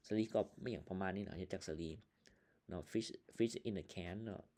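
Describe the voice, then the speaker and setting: A male English teacher with a Lao accent, slowly explaining vocabulary and sample answers in a casual online lesson, with plenty of fillers. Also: deep voice, dark tone. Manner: slow, explaining words one by one with many fillers.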